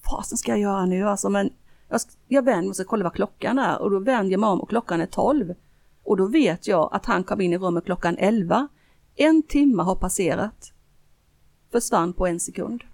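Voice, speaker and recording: A middle-aged woman appears as a guest in a casual interview, earnestly telling a personal story with frequent restarts. Her mid-range voice is gravelly and a little mellow.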